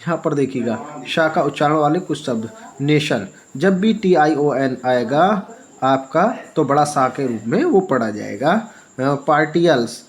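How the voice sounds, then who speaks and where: A male English teacher who spells words letter by letter and reads them out slowly for learners, often repeating himself and asking rhetorical questions. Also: on the high side, animated, rough recording.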